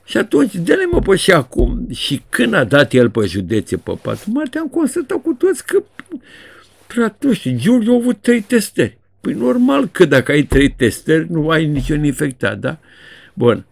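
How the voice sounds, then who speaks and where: Gravelly, lively old man ranting. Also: no room sound. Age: 70s. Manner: colloquial, sarcastic, swings widely in pitch. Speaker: journalist and video blogger. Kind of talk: casual commentary monologue.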